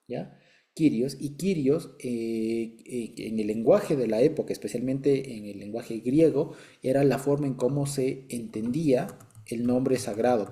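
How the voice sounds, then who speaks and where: Man with a very dark, mellow voice. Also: medium pitch. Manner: constantly checks understanding with short asides; explanatory and patient, with light chuckles. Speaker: Bible study teacher. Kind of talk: conversational Bible teaching.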